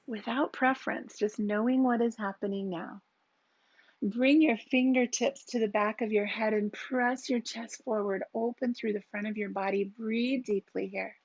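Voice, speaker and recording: A woman teaching a yoga class, giving calm and gentle cues for breath and posture with long pauses. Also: fairly high pitch, husky, no echo, muffled recording. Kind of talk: guided yoga and meditation instruction.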